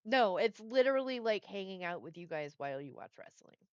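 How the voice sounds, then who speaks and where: A woman's voice: mid-range voice, sing-song, brisk, a little mellow, clean tone, dry recording, lo-fi sound. A woman running a tabletop game as game master, easygoing and laughing along with her players.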